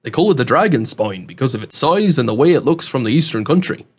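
A man with a medium-pitched, slightly rough voice narrates an audiobook quickly and animatedly. He voices a scruffy, blunt old hermit speaking a matter-of-fact rustic dialect, in a warning mood.

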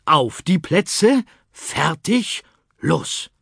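A busy, bossy Easter Bunny barks out orders in a pinched, raised voice, as a male audiobook narrator plays him. The tone has a husky grain and stays close and dry. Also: a little high, very animated, normal speed, no echo, pitched above the performer's own voice. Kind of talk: children's audiobook acting.

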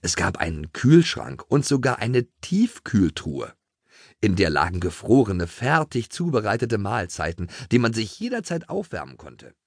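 A man narrating a children's audiobook story with very expressive storytelling. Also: fairly low pitch, moderate pace, no room sound, clean studio sound.

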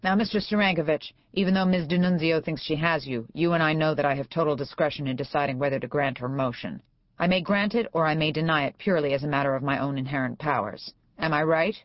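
A woman's voice: deep voice, fast, no room sound, close to an everyday voice. A woman voicing a sarcastic, domineering older male judge in an audiobook, with a dull, dry studio sound. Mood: scolding.

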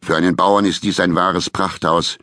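A man's voice: deep voice, flat delivery, moderate pace, bright, forceful tone, dry recording, clean studio sound. A man voicing a cruel, envious overlord who speaks in an imperious, domineering way. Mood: contemptuous. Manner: imperious, haughty.

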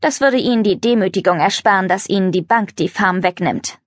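A woman's voice: medium pitch, a little fast, dry recording, clean studio sound, natural voice. A woman voicing a haughty, condescending rich countess in a children's storybook reading. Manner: snooty, condescending.

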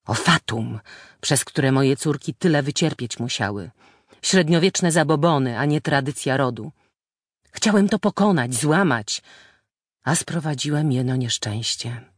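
A man's voice: mid-range voice, animated, unhurried, no room sound, clean studio sound. A woman narrator voicing a brooding nobleman husband who speaks in grave, old-fashioned formal phrases. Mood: bitter. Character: brooding married nobleman, bitter toward his family.

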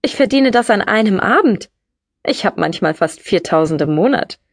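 A woman's voice: mid-range voice, expressive, moderate pace, no room sound, clean studio sound. A woman voicing a streetwise young woman who talks bluntly and breezily in an audiobook. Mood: breezy. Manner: blunt, breezy, matter-of-fact.

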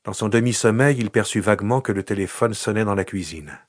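A man reads an audiobook with measured, even narration. His voice sits on the low side, and the recording is close and dry, with no room sound. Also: no echo. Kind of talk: scripted narration.

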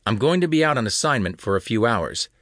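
A male audiobook narrator voicing a composed small-town police captain who speaks with calm authority. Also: mid-range voice, fast, dry recording, clean studio sound.

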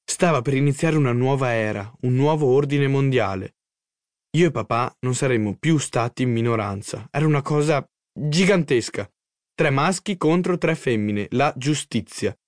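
A man from Italy reads his own memoir aloud, keeping the storytelling lively and expressive. His voice is in the middle range, and a close studio mic gives it a dry, intimate sound with no room around it. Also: mid-range voice, normal speed, dry recording. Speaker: author and audiobook narrator. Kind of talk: first-person audiobook narration.

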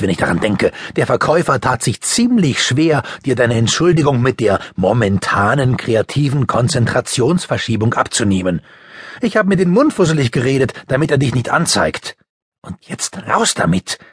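A man's voice: mid-range voice, sing-song, husky, no room sound, clean studio sound, pitched above the performer's own voice. A man voicing a bold, bossy teenage girl who scolds her younger brother. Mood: scolding. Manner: quick, scolding.

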